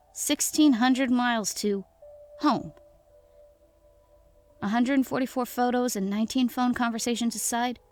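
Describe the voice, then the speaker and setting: A woman reading a scripted scary story as narrator, in a measured storytelling manner. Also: medium pitch. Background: faint music.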